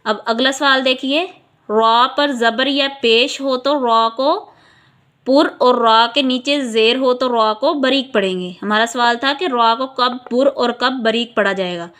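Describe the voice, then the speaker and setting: Slow, patient woman teaching a lesson. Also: a little high, fairly bright tone. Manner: asks a question then answers it, drawing out each sound. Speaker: Quran teacher.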